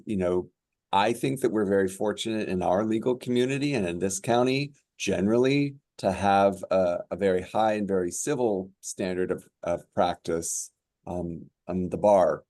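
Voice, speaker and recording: A man who is a judge, speaking on a panel in a measured, halting way with many fillers. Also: low-pitched, darkish tone, no echo. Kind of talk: panel discussion remarks.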